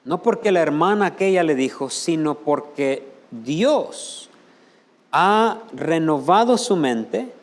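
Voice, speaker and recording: A man's voice: fairly high pitch, expressive, slow. A male pastor preaching a Spanish sermon, firing rhetorical questions at the congregation and mimicking people's voices. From United States. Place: church sanctuary. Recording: long hall reverb.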